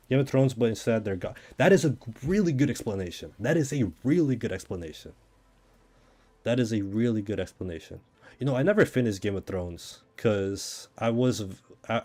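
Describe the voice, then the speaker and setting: On the low side and darkish in tone, this man's voice carries a Brazilian accent, as Portuguese is his first language. He is streaming a game, chatting casually and rambling as he thinks aloud.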